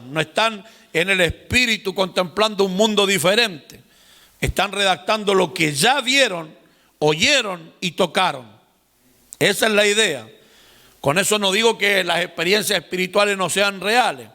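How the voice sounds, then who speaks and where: A man's voice: sits high, sharp tone, long reverb tail. A man teaching a seminar class, explaining patiently and speaking directly to his listeners. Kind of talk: classroom lecture.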